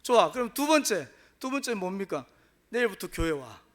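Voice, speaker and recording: A man's voice: high voice, big pitch swings, brisk, fairly bright tone. A man preaching voices a stern village official's wife who scolds and lays down conditions. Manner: scolding, laying down terms.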